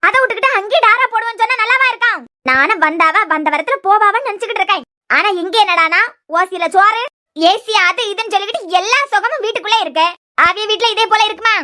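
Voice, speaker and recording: A woman voicing a sharp-tongued, lecturing middle-aged aunt in a cartoon serial, in a Kanyakumari Tamil accent. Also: extremely high pitch, fast talker. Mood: scolding. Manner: scolding, lecturing, mocking.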